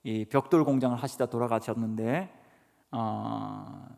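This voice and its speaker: In a church sanctuary with reverberant hall acoustics, a visiting professor delivers an earnest sermon lecture, frequently questioning the congregation. He speaks unhurriedly in a mid-range, slightly mellow voice with vocal fry.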